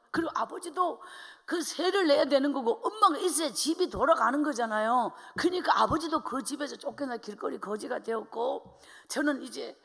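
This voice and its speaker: A middle-aged woman evangelist giving a tearful testimony, swinging between loud outbursts and hushed whispers. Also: high-pitched, vocal fry, long reverb tail. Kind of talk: emotional testimony.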